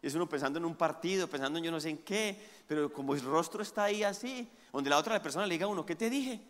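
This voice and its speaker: A man preaching a sermon, leading the congregation in call-and-response and moving between hushed and loud emphatic passages. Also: a little high, lively intonation, quick pace, in a large hall. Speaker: pastor.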